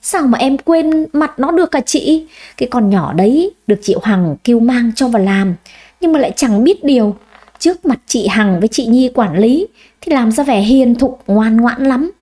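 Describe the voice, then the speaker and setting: A woman's voice: a little high, normal speed. A woman voicing a young female shop employee who gossips eagerly about a coworker. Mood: gossipy. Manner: chatty, tattling, excitable.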